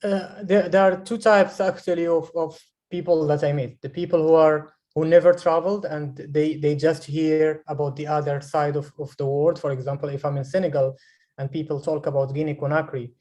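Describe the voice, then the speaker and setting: A Moroccan man in his twenties, a guest filmmaker, is interviewed over a video call, often pausing and restarting as he hunts for words. His voice sits on the high side, with a flat delivery and a warm tone.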